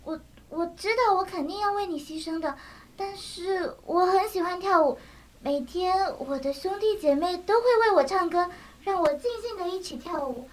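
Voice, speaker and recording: A woman's voice: very high voice, moderate pace. A woman voicing a small, timid but clever lamb in a children's story, stammering and pleading.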